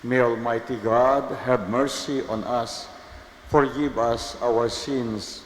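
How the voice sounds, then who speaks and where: A man with a Filipino accent, a priest celebrating Mass in slow, measured liturgical tones, his voice ringing with cathedral echo. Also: medium pitch, fairly even intonation. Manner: slow, measured liturgical delivery, switching between English and Tagalog. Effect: cathedral echo, long church reverb. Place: large church. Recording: echoey church with long reverb, faint noise.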